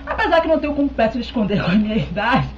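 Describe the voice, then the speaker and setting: A beauty vlogger in her thirties chats casually into a close-up webcam from a small room at home, answering viewers' questions and staying connected with them. Her voice sits on the high side, sing-song and very fast, and she keeps checking in with "tá?". The audio is dull, with background noise.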